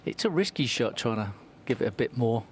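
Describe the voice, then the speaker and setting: A man giving live snooker commentary in a measured, analytical manner. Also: medium pitch, lively intonation, a little hiss or hum.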